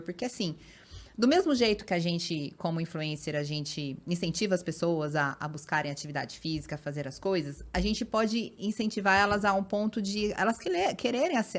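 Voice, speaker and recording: A woman who runs marathons and works as a fitness influencer, chatting as a podcast guest and telling stories with lively acted-out quotes. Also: on the low side. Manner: animated storytelling, acts out quoted remarks, frequent "né" and "então, assim". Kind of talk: casual podcast conversation.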